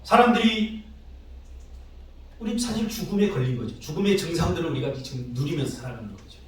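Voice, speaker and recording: Man preaching with lively, emotional storytelling. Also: a little fast, slight background noise. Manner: emotional storytelling with dramatic swings in pitch and loudness. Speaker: pastor. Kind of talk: sermon. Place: church sanctuary. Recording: echoey church hall, distant mic.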